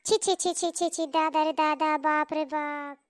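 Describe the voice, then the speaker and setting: A woman's voice: high-pitched, steady tone, unhurried. A woman voicing a quarrelsome rural mother-in-law in a comedy cartoon, wailing and scolding theatrically.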